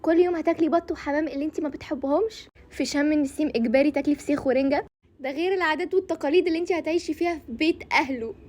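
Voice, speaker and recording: A woman's voice: high voice, darkish tone, close to an everyday voice. A woman with an Egyptian accent playing a scolding, sarcastic female study conscience in a comedy sketch. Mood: taunting. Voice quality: quick, teasing, lecturing delivery.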